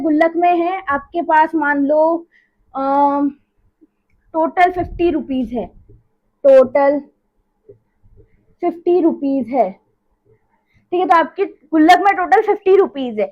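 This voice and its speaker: A woman's voice: high-pitched, highs cut off. A woman teaching a maths lesson in a chatty, casual way, going over each step again and checking in often. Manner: chatty, repeats each step with "theek hai".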